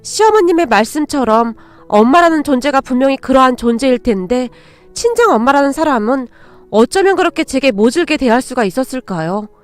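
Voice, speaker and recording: High-voiced woman narrating a story. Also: sing-song, a little fast, faint music behind. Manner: emotional, confiding storytelling. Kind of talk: scripted first-person narration of a radio story.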